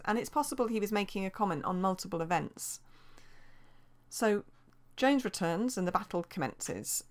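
A woman gives a revision lesson in a steady, explanatory voice-over. Her pitch sits in the middle range for a woman, and she reads quotations aloud between her points. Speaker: teacher.

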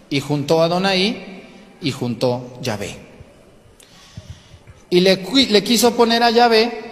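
High-voiced priest in echoing church. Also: male voice. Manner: colloquial, explanatory, asks the congregation questions. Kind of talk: sermon.

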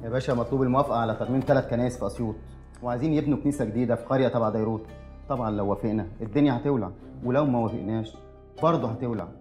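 An actor playing an eager, deferential police officer with an Egyptian accent, in a TV drama. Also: male voice, medium pitch, very fast, warm tone, lo-fi sound, soft background music, close to an everyday voice. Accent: Egyptian Arabic.

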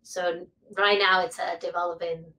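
A woman's voice: fairly low pitch, flat delivery, normal speed, pushed and bright, distant mic, rough recording. A woman presenting her research on a panel, hesitant and full of fillers. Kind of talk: panel discussion.

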